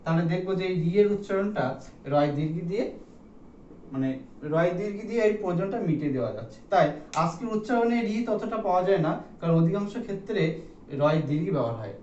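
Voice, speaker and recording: A man's voice: high-pitched, animated, fast talker, darkish tone, a little hiss or hum. A male teacher giving a classroom lecture, counting items aloud and asking the class questions. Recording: echoey room, distant mic, dull sound.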